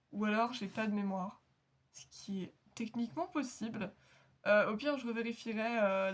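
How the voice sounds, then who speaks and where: A woman hosting an anime reaction video, chatting casually in a rambling, giggly, self-mocking way. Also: on the high side. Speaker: anime reaction channel host.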